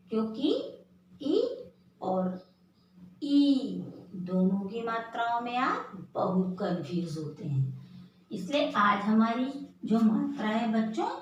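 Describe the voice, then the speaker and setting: A woman teaching young children, patiently sounding out letters one syllable at a time. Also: medium pitch. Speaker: primary school teacher. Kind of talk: slow, drawn-out classroom lesson for young children. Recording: echoey room, voice from far off the mic, faint room noise.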